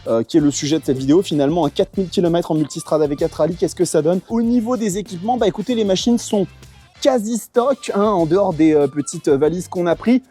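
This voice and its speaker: A man's voice: high-pitched, fast, mellow, slightly rough, faint music behind. A young man hosting a casual motorcycle travel vlog, chatty and full of fillers. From Portugal. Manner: chatty, lots of fillers and thanks to sponsors. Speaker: motorcycle vlogger.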